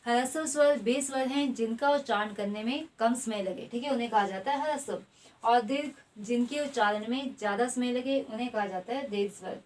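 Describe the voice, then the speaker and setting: A woman with a fairly high voice teaches an exam grammar lesson. She keeps checking in with the class and drags out each vowel as she lists them. She sits a little back from the microphone. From India. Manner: repeats "ठीक है" constantly, spells out vowels slowly. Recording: voice at a distance from the mic.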